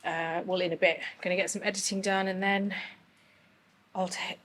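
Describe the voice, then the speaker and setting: A woman's voice: medium pitch, level tone, moderate pace, a bit bright. A woman vlogging in a casual, chatty way, her voice a little worn and not fully back after being ill. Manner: informal and conversational, frequent checking tags like "you know". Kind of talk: casual chat to camera.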